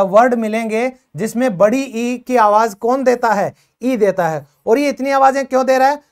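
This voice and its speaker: A woman teacher leading a classroom English lesson, patiently drilling word sounds and coaxing students to call out answers. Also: fairly high pitch. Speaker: school teacher.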